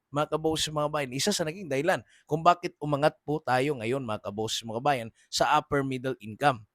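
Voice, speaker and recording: Male political commentator, higher-pitched voice, earnest, polite, talks straight to listeners, dry close sound. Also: no room sound. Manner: earnest, repeatedly addresses listeners, polite and deferential.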